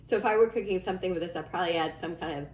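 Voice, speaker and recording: Woman, cooking show host, casual and chatty, emphatic drawn-out phrases, roomy echo, slight background noise. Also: lowish voice, a little mellow. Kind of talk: casual video presenting. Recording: echoey room with faint background noise.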